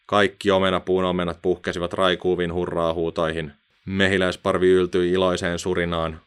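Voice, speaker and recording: Deep-voiced man reading a children's story. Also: clear, resonant tone. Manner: expressive, playful storytelling.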